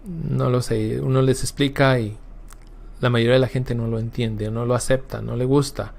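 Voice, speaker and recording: A man gives a Bible class lecture in a gravelly, creaky voice at an ordinary middle pitch. He teaches with emphasis, repeats key words for stress and often checks in with a quick question to his listeners. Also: fairly even intonation, a little mellow.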